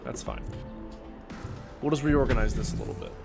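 A young man with a fairly low voice, big pitch swings, and vocal fry streams a city-building game at a moderate pace, headset on and game music playing behind. Sniffling slightly from a cold, he keeps up chatty let's-play commentary, talking to himself while building.

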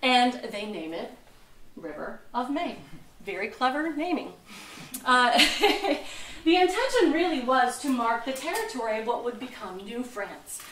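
A woman's voice: fairly high pitch, very animated, a little slow, noisy background. Chatty woman docent in an echoey room. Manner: chatty, laughs at herself, loses words. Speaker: museum docent. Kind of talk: informal history talk. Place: museum lecture room. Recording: echoey room, mic far off.

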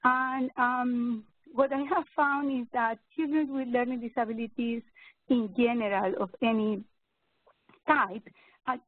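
A woman in her fifties, a neurologist giving an educational webinar talk, speaking slowly and hesitantly with many fillers and restarts. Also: a little high, no echo. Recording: narrow phone-like webinar audio, dry.

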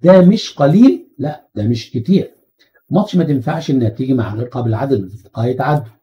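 A man with an Egyptian Arabic accent teaching an exam-prep English grammar lesson. He asks rhetorical questions and slows down to stress English phrases. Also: medium pitch, lively intonation, dull audio.

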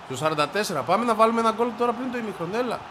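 A man with a stuffy, congested voice giving excited commentary as he plays a football video game, shouting and grumbling at the match. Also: high voice, slight background noise. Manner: shouts and yelps at the game, frustrated outbursts. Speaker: gaming video creator.

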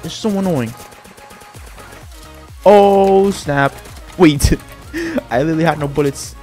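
A male gaming YouTuber giving excitable, slang-heavy live commentary while he plays. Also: a little high, slow, faint music behind. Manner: excitable, slangy, says "bro" constantly.

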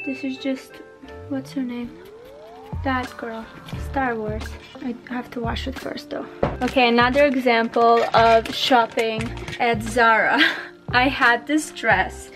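A woman in her twenties chatting casually to camera at home, thinking out loud with lots of fillers. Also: fairly high pitch. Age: 20s. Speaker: vlogger.

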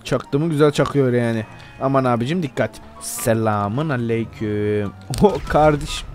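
A man narrates his gameplay in a loose, joking manner and speaks straight to his viewers. His voice sits in an ordinary middle register. Soft music plays faintly behind him. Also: mid-range voice, moderate pace. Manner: playful and joking, addressing viewers as "gençler". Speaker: gameplay video host. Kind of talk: casual gameplay commentary.

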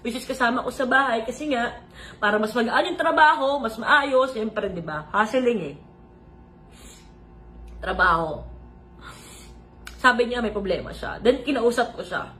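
A woman vlogger speaks in a noticeably high voice, earnestly retelling what happened to her. She mixes Tagalog with English phrases in a confessional storytime. Faint background noise sits under her voice. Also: lively intonation, a little slow, pauses often, a bit bright.

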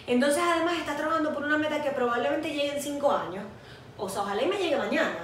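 A young woman with a Venezuelan Spanish accent co-hosts a podcast and tells a personal story in a lively, casual chat, laughing at herself along the way. Her voice is high-pitched and rapid-fire, captured in an echoey room by a far-off mic with a faint hiss.

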